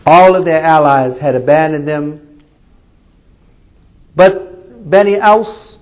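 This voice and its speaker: A man with a fairly high voice retells a story as a sermon to his congregation. His telling is animated and rises and falls with the drama. He adds reverent honorifics as he goes. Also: slow. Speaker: preacher.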